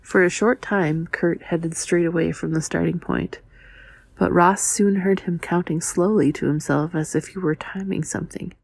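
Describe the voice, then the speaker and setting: Hushed, breathy woman reading under her breath. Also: lowish voice, steady tone, moderate pace. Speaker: audiobook reader. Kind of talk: ASMR quiet reading of a novel.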